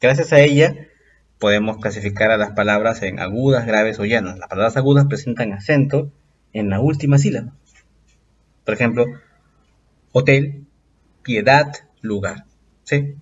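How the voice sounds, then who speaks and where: A man teaching a recorded exam-prep lesson, patiently explaining step by step and drawing out example words slowly. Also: lowish voice, highs cut off.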